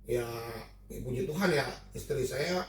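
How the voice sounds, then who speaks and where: A man's voice: mid-range voice, moderate pace, far from the mic, slight background noise. A middle-aged man sharing a personal testimony in a casual church group chat. He talks with emotion and often repeats and restarts his phrases. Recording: echoey room, speaker off-mic.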